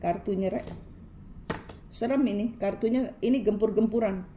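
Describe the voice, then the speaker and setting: A woman's voice: mid-range voice, moderate pace, noisy background. A woman tarot reader, giving a preachy, scolding reading full of repetition.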